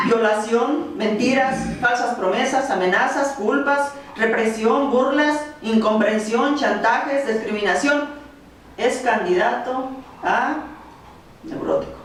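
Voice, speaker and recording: A woman giving a lecture to an audience, speaking slowly and emphatically as she lists one point after another. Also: on the high side, a little hiss or hum. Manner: slow, emphatic delivery of long lists. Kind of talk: motivational lecture. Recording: very echoey hall, from far off.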